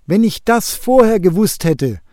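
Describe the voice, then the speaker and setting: A man voicing a small, discontented male sparrow who keeps wishing to be something else, in a lively storybook reading. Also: fairly high pitch, slow, no room sound, studio quality. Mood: plaintive.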